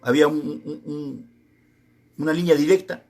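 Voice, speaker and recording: This middle-aged Argentine man has an unusually high voice for a man, with an Argentine Spanish accent, steady tone, moderate pace, and a slightly mellow quality. His sermon is a personal testimony told as a story, where he acts out the dialogues and takes on each speaker in turn.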